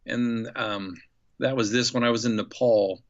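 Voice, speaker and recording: A man in his fifties from Nebraska, a podcast guest telling a travel story with animated enthusiasm. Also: medium pitch, measured pace, highs cut off. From Nebraska, USA. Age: 50s. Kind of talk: storytelling interview.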